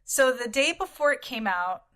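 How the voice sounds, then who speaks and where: A bright, slightly high-voiced woman co-hosts a casual gaming chat. She tells stories in a rambling, animated way and leans on "like" as she goes. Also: normal speed. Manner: rambling storyteller, animated, says "like" often. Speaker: podcast co-host.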